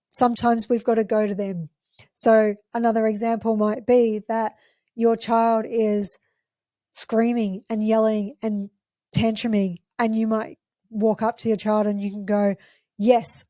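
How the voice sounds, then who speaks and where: A woman hosting a parenting podcast, explaining gently and using examples. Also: fairly high pitch, no room sound, clean studio sound.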